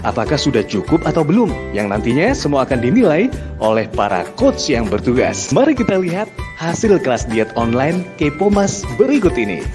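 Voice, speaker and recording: An upbeat, persuasive ad narrator with a lively, swinging delivery. Clear music plays under the scripted voice-over. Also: medium pitch. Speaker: promo narrator.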